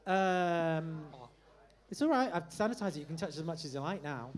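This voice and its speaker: A man's voice: a little high, lively intonation, moderate pace. A man hosting a live musical theatre showcase in a small club, chatty and teasing with the performers. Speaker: host.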